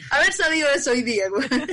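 A Chilean woman guest spins animated stories, swearing freely and acting out the voices of others as she laughs. Her voice is high and bright. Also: fairly quick. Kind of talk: casual storytelling chat.

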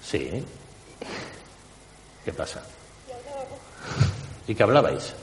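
A man leading a guided hypnosis session, slowly and insistently questioning someone about a memory. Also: low voice, very animated, reverberant, in a large hall, a little hiss or hum.

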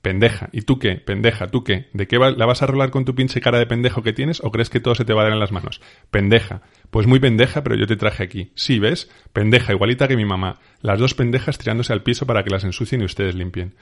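A man with a Spain Spanish accent reads a novel passage aloud, voicing a furious young woman trading rapid insults with her brother. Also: lowish voice, natural voice. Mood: heated. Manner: rapid, heated back-and-forth insults.

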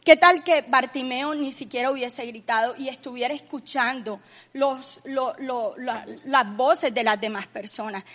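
A woman with a high, bright voice gives an earnest faith-based talk. She leans into emphatic, raised passages as she retells a story. The room adds a long reverb tail. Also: measured pace. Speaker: co-host.

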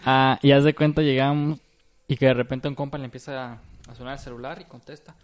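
A podcast co-host with a mid-range voice tells friends a story at a fast clip. He's animated and slangy, acting out the voices of the other people involved.

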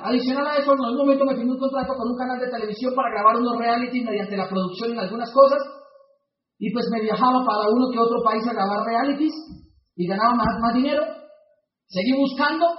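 A man with a Colombian accent, a motivational speaker telling a story to an audience and acting out the dialogue with animation. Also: very high-pitched. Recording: distant, echoey, dull hall recording.

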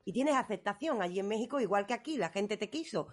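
A woman's voice: mid-range voice, lively intonation, fast. A woman with an Andalusian accent, interviewing a guest and encouraging him with frequent affirmations.

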